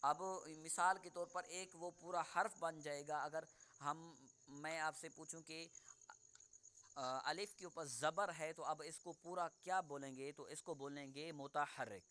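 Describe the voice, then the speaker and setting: A man teaching Quran reading in a calm, clear, smooth voice, pitched a little high. He patiently explains each point and says every sound slowly so the student can repeat it. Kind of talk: online one-on-one lesson.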